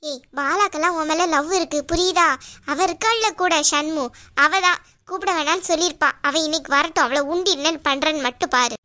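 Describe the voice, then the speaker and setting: A woman voicing a scheming, domineering middle-aged aunt in a cartoon, talking in a bossy, scornful way. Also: sharp tone. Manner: bossy, scornful, low and slow. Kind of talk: cartoon voice acting.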